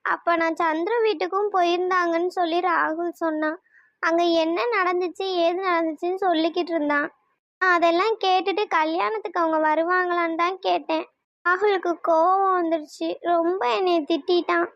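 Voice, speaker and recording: A woman's voice: very high voice, fairly even intonation, brisk, fairly bright tone, dry recording, highs cut off. Woman voicing a tearful young cartoon heroine. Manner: tearful, pleading. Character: heartbroken young woman, the fiancée.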